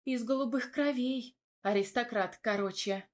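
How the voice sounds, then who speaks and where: A bossy young woman doctor barks orders and dry threats in a higher, pushed voice, as a woman reading the story puts her on. She sounds stern and mocking. The delivery is an audiobook reading. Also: normal speed, close to an everyday voice. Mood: teasing.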